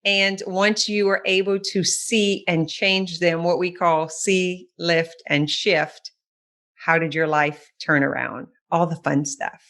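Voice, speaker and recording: Woman, podcast host, casual interview, relaxed questioning. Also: on the low side, slow pace.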